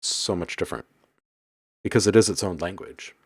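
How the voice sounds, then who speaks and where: A man's voice: low voice, fairly even intonation, normal speed, breathy edge. A man hosting a casual live stream, reading viewers' comments aloud and musing on them, then muttering to himself while he edits sounds.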